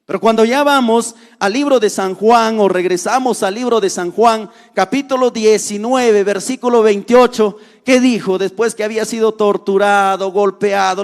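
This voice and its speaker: A man preaching a sermon as pastor, earnest, repeating key phrases slowly for stress. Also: sits high, big-room sound.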